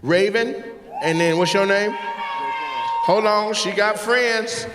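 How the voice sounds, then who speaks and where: Brash stand-up comic working the crowd. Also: male voice, high voice, noisy background. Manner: brash, teasing, quick-witted. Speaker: stand-up comedian. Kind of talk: live stand-up crowd work. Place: large comedy venue, on stage. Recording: live venue with long reverb and loud background.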